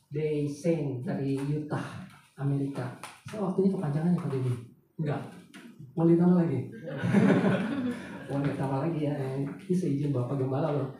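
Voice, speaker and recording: A pastor telling a personal story in a sermon, chatting with the congregation and often asking them questions. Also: male voice, a little high, warm tone. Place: large church hall. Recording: very echoey hall, voice picked up from far off, faint noise.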